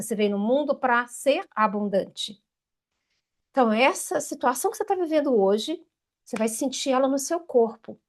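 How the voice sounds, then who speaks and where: A Brazilian woman with a Brazilian Portuguese accent, a trainer leading a live online group session, talking straight to her audience in an animated, emphatic way. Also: high-pitched. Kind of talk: live online workshop, guiding an exercise.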